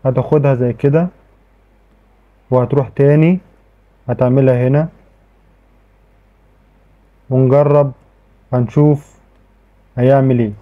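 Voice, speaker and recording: With a mid-range voice and fairly even intonation, an Egyptian-accented man explains a tech tutorial unhurriedly, leaving long pauses. The screen-recorded session is casual and chatty, full of restarted sentences and repeated "okay"s. It's captured with tinny, phone-like sound.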